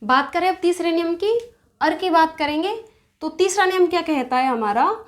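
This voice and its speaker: A woman teaching a grammar lesson, asking the class questions and answering them herself, slowing down to spell out sounds and examples. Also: extremely high pitch. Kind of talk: Hindi grammar lesson at a board.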